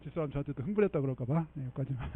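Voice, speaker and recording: A man preaching a sermon as pastor, animated and emphatic, often checking in with the congregation and leading them in reading scripture. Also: mid-range voice, racing, phone-quality sound, a little hiss or hum. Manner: animated preaching with frequent rhetorical 'eung?' checks. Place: church sanctuary.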